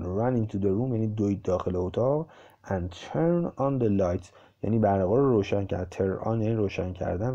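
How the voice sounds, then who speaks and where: A male English teacher reading a story one line at a time, saying each English sentence slowly and clearly and then explaining it. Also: fairly low pitch, warm tone. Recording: muffled lo-fi recording.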